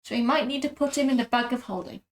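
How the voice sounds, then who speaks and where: A woman speaks in a high voice as a player at a tabletop game. She talks through the rules quickly and plainly. The room sounds echoey. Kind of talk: casual tabletop game chat.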